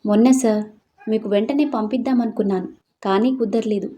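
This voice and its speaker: A woman's voice: fairly high pitch, steady tone, brisk, mellow, lightly acted. A woman voicing a respectful male informer reporting to his boss in a storybook reading. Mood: deferential.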